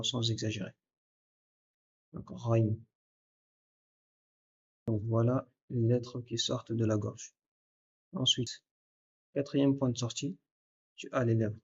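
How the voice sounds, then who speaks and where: Patient husky-voiced man teaching, lo-fi. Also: medium pitch. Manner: patient, addresses the listener directly, repeats sounds to demonstrate. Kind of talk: recorded lesson, explaining step by step. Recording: dull lo-fi recording.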